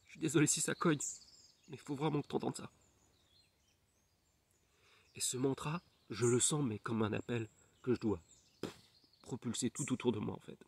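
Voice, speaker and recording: A man's voice: mid-range voice, steady tone, moderate pace, gravelly, pauses often, a little mellow, breathy edge. A man, a hypnotherapist, tells a personal story in French with many fillers and restarts, often dropping to a near whisper. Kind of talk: personal testimony.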